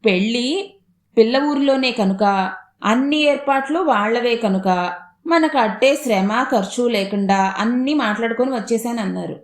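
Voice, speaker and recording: A woman telling a humorous family story in the first person with lively narration. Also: a little high, normal speed, reverberant.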